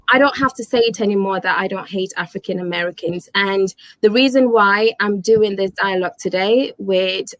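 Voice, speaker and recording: A woman's voice: medium pitch, a bit bright, no echo, low-quality recording. Earnest woman host, dry sound. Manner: earnest, emphatic. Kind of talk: casual interview.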